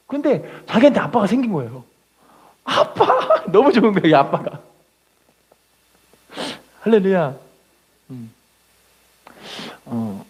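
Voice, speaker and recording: A woman pastor preaching a Sunday sermon in Korean, telling stories with lively acting and having the congregation repeat scripture. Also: deep voice, breathy edge. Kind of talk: sermon with storytelling.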